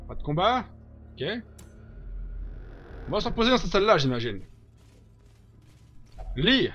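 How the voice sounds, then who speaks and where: A man hosting a let's play, giving casual gameplay commentary, reacting loudly, joking and swearing at the game. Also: high-pitched, sing-song, a little slow, dull audio, soft background music.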